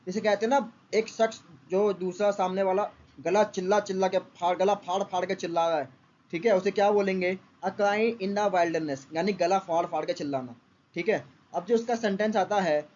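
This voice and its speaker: A man teaching English vocabulary and idioms to exam aspirants, explaining slowly with many fillers and repeated checks. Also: high voice, a little mellow. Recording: dull lo-fi recording.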